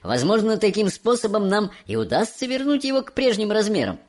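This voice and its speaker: A man voicing an eccentric, brisk, cheerful bearded candy maker with a theatrical, bouncy delivery. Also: high-pitched, big pitch swings, voice pushed up. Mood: explaining.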